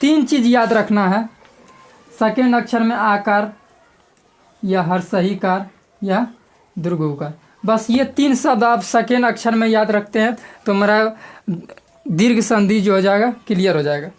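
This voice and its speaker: A woman's voice: a little high, normal speed. A woman teacher giving a grammar lesson step by step, repeating key terms and asking the class questions.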